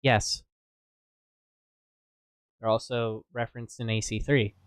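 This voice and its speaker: Tired male streamer, smooth voice. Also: mid-range voice, level tone, slow, no echo, studio quality. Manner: rambling, hesitant, repeats words. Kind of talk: casual chat while gaming.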